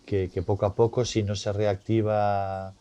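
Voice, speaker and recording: Low, mellow man in an interview. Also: little pitch movement, measured pace, clean tone. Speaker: village resident interviewee. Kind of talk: spontaneous interview talk.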